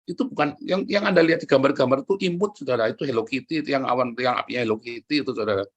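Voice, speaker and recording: A man preaching a sermon, lively and joking, often turning to address the congregation directly. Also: mid-range voice, rapid-fire, breathy edge, lo-fi sound. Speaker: pastor.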